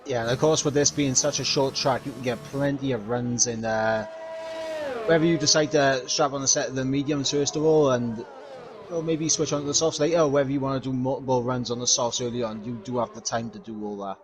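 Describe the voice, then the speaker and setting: A man co-commentating an online racing league, giving measured analysis with frequent hesitant pauses. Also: mid-range voice, fairly even intonation, noisy background. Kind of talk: esports race analysis.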